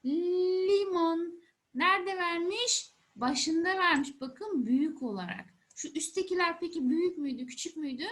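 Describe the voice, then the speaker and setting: A woman's voice: extremely high pitch, expressive, normal speed, hardly any pauses, fairly bright tone. A woman teacher explaining a lesson to young children in simple, repeated phrases and questions, with encouraging, sing-song emphasis. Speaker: primary school teacher. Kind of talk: first-grade letter lesson for children.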